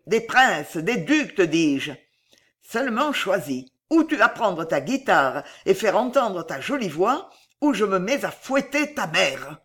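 A woman's voice: mid-range voice, sing-song, a little slow, fairly bright tone. A menacing bohemian bandit from a storybook, cruel and gloating, as a woman reader puts him on. He snarls his threats through his teeth. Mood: furious.

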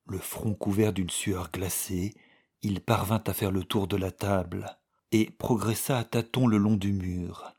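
A man reads a story aloud in an audiobook, grave and measured. His voice is low and husky, and he takes his time over every line. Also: a little mellow. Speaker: narrator. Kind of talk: audiobook reading.

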